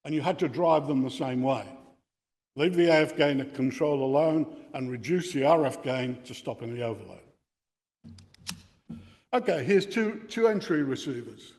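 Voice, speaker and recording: An older man speaking with an Australian accent gives a technical lecture to an amateur radio club audience. His mid-range voice has a darkish tone and a moderate pace, recorded in a reverberant indoor meeting room with equipment set on a bench.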